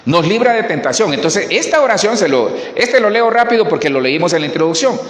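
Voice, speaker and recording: Preacher, animated, emphatic, higher voice, roomy church sound. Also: male voice, a little fast. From Colombia. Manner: preaching emphatically, repeating words and addressing the congregation. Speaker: pastor. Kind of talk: sermon. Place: church hall. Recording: echoey hall.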